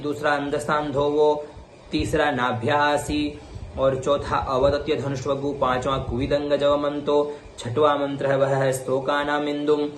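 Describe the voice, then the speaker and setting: A man teaching the pronunciation of Vedic mantras, chanting each mantra slowly and then explaining briefly. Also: on the high side, reverberant, a little hiss or hum.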